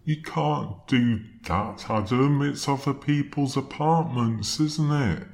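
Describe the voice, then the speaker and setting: A man on a comic podcast, speaking through a slowed-down, deepened voice effect, fussy and literal-minded in his earnest banter. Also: gravelly, a little mellow. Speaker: podcast co-host.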